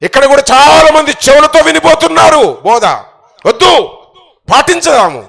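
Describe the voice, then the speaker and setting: Hoarse, gravelly male preacher; fervent sermon, bursts into shouts, repeats himself. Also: very high voice, lively intonation, moderate pace. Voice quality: strained voice. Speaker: pastor.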